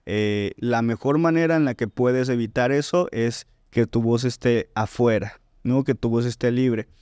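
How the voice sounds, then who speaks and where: A man's voice: mid-range voice, measured pace, darkish tone, clean tone, no room sound. A man, a voice teacher and singer explaining technique in a podcast interview, often checking in with "¿no?" and "¿sí?". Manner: didactic, frequent "¿no?" and "¿sí?" check-ins.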